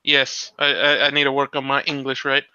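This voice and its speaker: A man's voice: mid-range voice, flat delivery, fairly quick, pushed and bright, clear, resonant tone, no room sound. A man joining a casual stream as a guest cartoonist, joking and hesitant. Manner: joking, hesitant, laid-back. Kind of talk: casual chat. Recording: dry, dull lo-fi mic.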